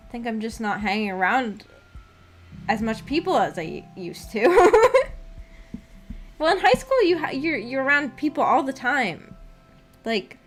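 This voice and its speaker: A young adult woman streams casually, reading and answering her live chat while background music plays. Her voice is a little high and sing-song, and she speaks unhurriedly with frequent pauses. She thinks aloud in a hesitant, rambling way, giggling slightly now and then.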